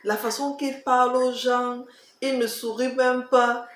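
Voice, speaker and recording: Her voice is high-pitched yet flat, and she takes her time. This Cameroonian-accented vlogger chats casually through tag questions, emphatic and repetitive, posing rhetorical questions, with slight background noise, a roomy echo and faint music behind her.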